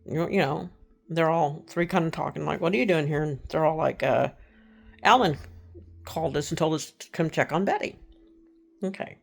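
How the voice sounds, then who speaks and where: Speaking at a normal speed with frequent pauses, a woman from Texas chats casually through a true crime story. Her slightly low voice has some gravel in it. She imitates the people she quotes and lowers to a hush at times.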